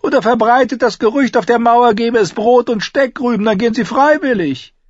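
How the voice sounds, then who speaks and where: Sardonic dwarf lord, pitched well up, loud and mocking, husky, lo-fi audiobook. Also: male voice, moderate pace, dry recording. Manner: sardonic, teasing, raised and loud. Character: quick-witted mocking dwarf nobleman, adult man.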